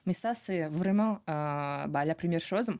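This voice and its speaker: A woman's voice: sits low, a little slow, darkish tone, no echo. A woman from Russia with a Russian accent, speaking as an interview guest in a casual, hesitant way with many fillers. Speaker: guest, head of legal.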